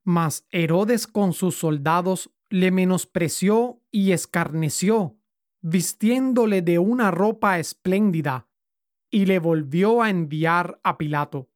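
A woman reading scripture aloud in a measured, formal way. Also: lowish voice, darkish tone, no echo, clean studio sound. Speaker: scripture reader.

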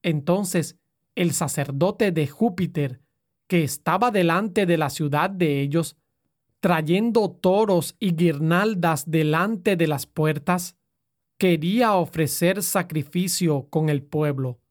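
A woman reading scripture aloud in a solemn, measured way. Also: on the low side, a little mellow. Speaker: scripture reader.

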